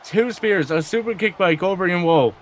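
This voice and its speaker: A man working as a wrestling commentator, giving excited play-by-play and drawing out his calls of big moves. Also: high voice, moderate pace.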